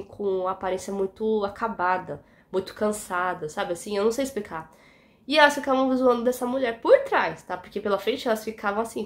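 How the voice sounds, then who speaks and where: Brazilian woman, Brazilian Portuguese accent, young adult, quick talker, chatty indignant vlog storytelling. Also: mid-range voice. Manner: chatty, indignant, frequent "tá?" asides. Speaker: vlogger.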